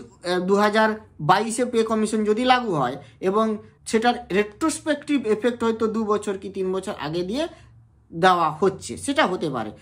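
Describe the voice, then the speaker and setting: A woman, hosting an education channel and explaining a legal issue to camera in a measured way, pausing often on hesitation sounds and asking rhetorical questions. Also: mid-range voice.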